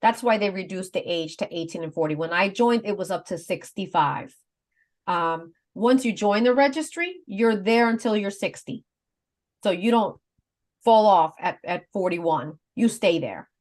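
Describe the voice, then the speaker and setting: A woman's voice: medium pitch, lively intonation, normal speed, darkish tone. A woman in her fifties on a talk show, earnestly explaining step by step and laughing easily. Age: 50s. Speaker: guest advocate. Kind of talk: casual explanatory chat.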